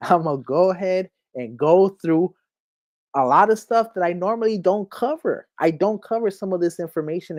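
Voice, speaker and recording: An excitable crypto channel host walks viewers through a screen, stacking up "okay?" and "look at this right here" between points. The voice sits in a middling register. It comes across dry and close, with no room around it. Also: mid-range voice, no echo. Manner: hyped, keeps repeating "okay?" and "right here"; addresses viewers as "my people". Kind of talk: screen walkthrough commentary.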